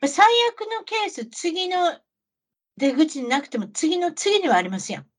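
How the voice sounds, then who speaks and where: Her voice is very high and a little slow. As a co-host on a podcast, this middle-aged woman with a Kansai Japanese accent recounts travel tales like a chatty auntie, lively and full of rhetorical questions aimed at whoever's listening.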